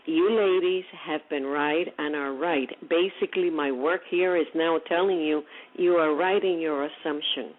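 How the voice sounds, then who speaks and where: A woman's voice: low voice, normal speed. A woman hosting a call-in radio show, asking probing questions in an emphatic way and often repeating herself. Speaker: radio host. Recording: narrow phone-like radio audio.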